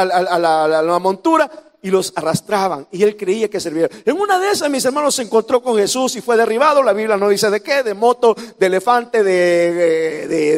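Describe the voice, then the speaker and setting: A male pastor with a Salvadoran Spanish accent preaching a sermon, jumping from shouts to hushed lines and tossing in humorous asides to the congregation. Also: high voice, long reverb tail. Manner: preaching with sudden shouts and drops to near whispers.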